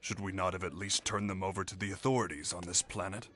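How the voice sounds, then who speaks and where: A man voicing a calm, formal male cyborg in a video game, speaking in a precise, even way. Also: deep voice, quick pace.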